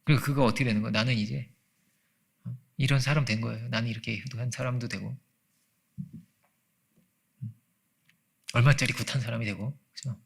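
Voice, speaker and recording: This man's husky, creaky voice holds a medium pitch and fairly even intonation, moving a little fast yet broken by long pauses. He is a pastor giving a chatty Sunday sermon in a church sanctuary, asking rhetorical questions, acting out quoted voices, and often laughing.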